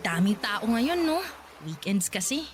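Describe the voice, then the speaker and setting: In a radio drama, a woman with a Filipino accent plays a young woman in love who is uneasy and suspicious, probing hesitantly and with curiosity. Her medium-pitched voice is very animated and a little slow, heard over music.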